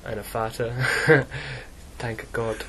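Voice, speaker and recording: A teenage boy from England, an English speaker practising German, answering slowly with many fillers and pauses. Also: mid-range voice, fairly even intonation, crowd noise. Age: teens. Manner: halting, slow, many fillers. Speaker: student.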